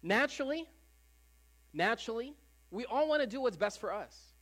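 A preacher giving a conversational Sunday sermon to a congregation, often repeating phrases and filling pauses with "like". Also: mid-range voice, expressive, a bit bright. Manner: casual, repeats phrases, frequent "like" fillers.

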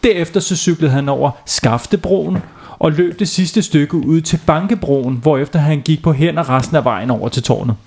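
A man's voice: fairly high pitch, gravelly, darkish tone, breathy edge. A man, a father, telling a silly bedtime story to children, playful and often asking them questions.

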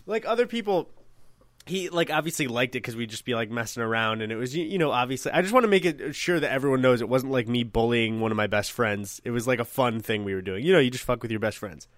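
A young man spins a long story from high school, looping back on himself and swearing casually as he goes. His voice sits at an ordinary middle pitch. The sound is dry and close, with no room echo. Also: fast, a bit bright. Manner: rambling, self-correcting, swears freely. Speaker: podcast co-host.

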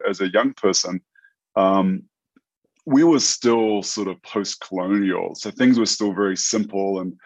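A tech entrepreneur from New Zealand, a man in his fifties with an American accent, chats casually in an interview, speaking haltingly with many restarts and fillers. His voice is deep, and the audio is dull but free of echo.

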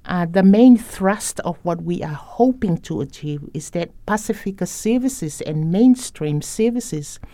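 A woman speaking as an education facilitator in a reflective interview, in a measured, deliberate manner. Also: on the low side, lively intonation, warm tone, no echo.

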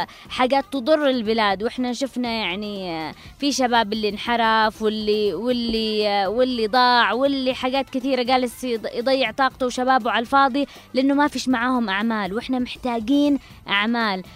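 Yemeni woman, radio host, earnest and exhorting, high voice, fast talk, music underneath.

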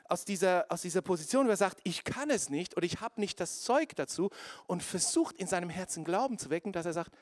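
A man's voice: sits high, lively intonation, a little fast, no room sound, studio quality. Fervent preacher man with a raised voice. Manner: speaks directly to the congregation, building to emphatic fervor; drops in English church phrases. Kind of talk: sermon.

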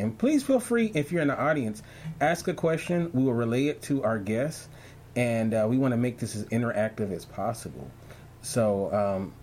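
A relaxed man with a voice on the low side hosts a casual interview-style podcast online, rambling along with lots of fillers and restarts. A faint hiss or hum runs underneath the audio.

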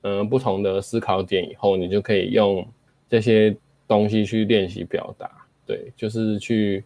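Male host, lower pitch, dry close recording, casual explanatory delivery with spoken demos and fillers. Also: little pitch movement, moderate pace, mellow, no room sound. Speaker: host explaining speaking skills.

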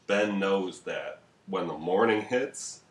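A man's voice: low voice, slow pace. A man co-hosting a casual history podcast, rambling and profane, with laughing asides, recorded at home. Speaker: podcast co-host. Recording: echoey home room.

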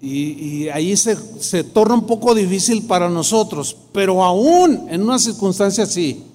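Mexican pastor, high tenor voice, chatty storytelling sermon, for a church hall with long reverb. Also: male voice, animated, normal speed, mellow. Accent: Mexican Spanish. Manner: conversational storytelling, frequent restarts. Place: church sanctuary.

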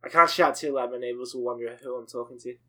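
A man's voice: mid-range voice, fairly even intonation, quick pace, bright, forceful tone. A man as a guest on a casual gaming podcast, riffing playful jokes.

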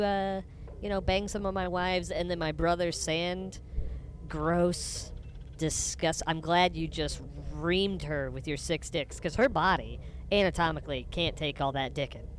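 A woman's voice: on the low side, a little slow. A woman co-hosting improvised comic role-play, chatting in a crude, rambling way. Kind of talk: improvised comedy chat. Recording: clear background noise.

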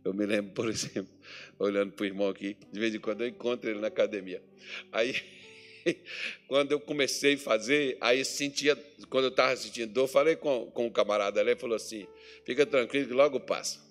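A man's voice: on the low side, fairly even intonation, fairly quick, faint music behind. A Brazilian man preaching at a church meeting, conversational and anecdotal, rising to emphatic peaks. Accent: Brazilian Portuguese. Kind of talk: sermon.

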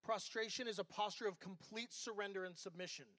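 Candid high-voiced man preaching. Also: steady tone, brisk, bright, forceful tone, no echo. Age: middle-aged. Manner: conversational, candid preaching with personal stories. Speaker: associate pastor. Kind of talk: sermon.

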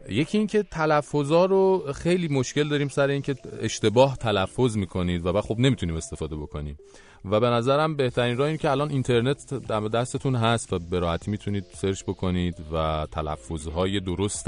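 A man hosting a radio show, casually giving advice to listeners with frequent filler sounds. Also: low-pitched. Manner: relaxed, advisory, with frequent fillers. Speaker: radio host.

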